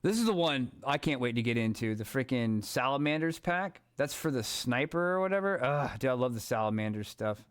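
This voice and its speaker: A man streaming a strategy game, chatting casually with a rambling, excitable, profane manner. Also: mid-range voice, fairly quick, hardly any pauses, clean tone. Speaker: gaming streamer. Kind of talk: casual gameplay commentary.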